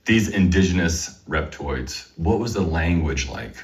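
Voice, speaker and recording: A man's voice: low voice, expressive, unhurried, far from the mic. A man asking an interview guest short, curious questions.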